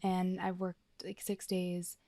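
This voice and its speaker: A woman's voice: on the low side, monotone, slow, warm tone, dry recording, studio quality. A woman co-hosting a podcast, chatting casually in a playful, rambling, joking way. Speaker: podcast co-host. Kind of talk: casual chat.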